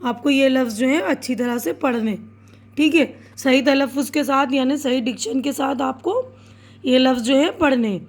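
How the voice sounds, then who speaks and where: A woman teacher calmly walking pupils through writing and reading words, spelling each one out letter by letter and checking in often with short confirmations. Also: high-pitched, moderate pace. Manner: checks in with "theek hai" often. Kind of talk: step-by-step writing lesson.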